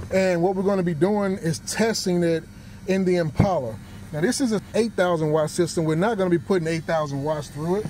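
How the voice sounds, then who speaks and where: Reviewing car audio gear hands-on, a male host talks "you guys" through every step as he works. His voice is high-pitched and a little mellow, with clear vehicle background noise in the recording.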